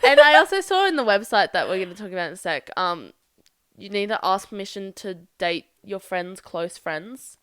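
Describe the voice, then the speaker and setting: Lively young woman with a blocked nose. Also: mid-range voice, moderate pace, smooth, no echo. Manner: lively, animated, laughs easily. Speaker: podcast co-host. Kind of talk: casual chat.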